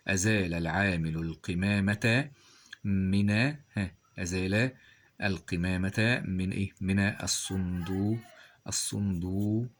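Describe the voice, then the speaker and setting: A man teaching a grammar lesson. He reads example sentences slowly, then asks quiz questions and answers them himself. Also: deep voice, fairly even intonation, faint music behind.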